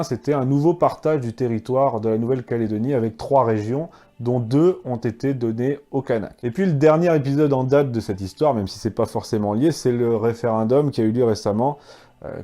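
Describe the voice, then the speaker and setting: A man narrates history in a low-key, mellow voice, then turns blunt and mocking as he argues with his critics. He talks straight to the listener, throwing in sarcastic asides. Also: fairly quick. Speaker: history video host.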